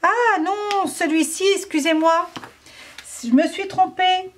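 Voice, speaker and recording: A French woman with a high voice talks slowly through a casual craft product review. She is chatty and a little hesitant, thinking aloud and filling pauses as she goes.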